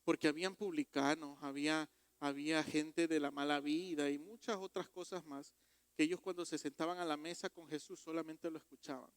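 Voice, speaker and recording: A man preaching a sermon as pastor, emphatic and rising to loud exhortations. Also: a little high, steady tone, fairly quick, clear, resonant tone, no echo. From Ecuador.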